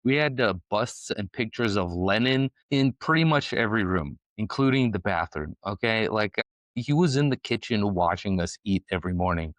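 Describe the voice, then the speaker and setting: A Ukrainian man in his forties hosts his own podcast, delivering a casual, opinionated monologue that's blunt, profane, rambling and full of restarts. His voice sits on the low side with lively intonation, a moderate pace and a fairly bright tone. The recording is rough but has no echo.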